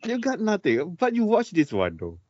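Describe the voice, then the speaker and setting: A man co-hosts a casual podcast in halting bursts, repeating words and laughing often. His mid-pitched voice swings widely. The sound is dry and dull, like a lo-fi home recording. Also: wildly swooping pitch, a little mellow, no echo. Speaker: podcast co-host. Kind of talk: casual chat.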